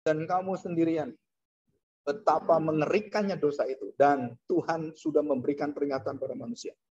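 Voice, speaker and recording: A man preaching a sermon as a pastor, animated, his voice rising high when he acts out frightened people and dropping low for solemn points. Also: normal speed, slightly rough. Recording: dull lo-fi sound.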